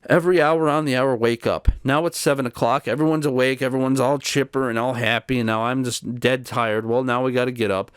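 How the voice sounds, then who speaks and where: A man talks straight to camera in a casual, worn-out voice, sounding fed up as he walks through what happened. His pitch sits in a middling range. The sound is dry and close, with no room echo. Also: steady tone, fairly quick, hardly any pauses, clean tone. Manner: weary, exasperated retelling of events. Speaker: channel host.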